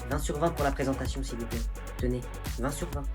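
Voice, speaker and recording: A woman's voice: quick pace, music in the background. A woman voicing a boastful schoolboy who smugly shows off his banknotes to the class. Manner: smug, low-key bragging. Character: smug boastful schoolboy showing off money.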